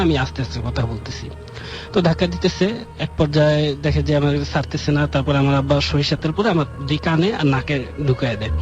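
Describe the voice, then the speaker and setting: A man calling in to a radio show, earnestly telling a frightening experience from his own home in a halting way. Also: mid-range voice. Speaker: caller. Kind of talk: telling a personal ghost story. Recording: dull lo-fi radio broadcast with music.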